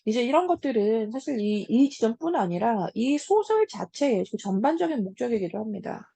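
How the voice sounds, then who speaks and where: A woman teacher giving a casual lecture on a classic story, talking straight to her students with many soft hums between points. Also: on the high side, sing-song, moderate pace, gravelly, dry recording. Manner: casual, talks to students as 얘들아 with frequent hums.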